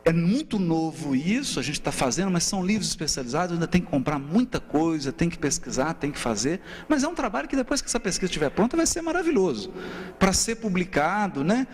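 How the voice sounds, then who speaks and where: A man's voice: a little high, fast, slightly rough. A man with a Brazilian Portuguese accent giving a seminar lecture, asking rhetorical questions and counting out rhythms. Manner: animated, asks rhetorical questions, often adds "né?". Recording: reverberant hall, faint hum.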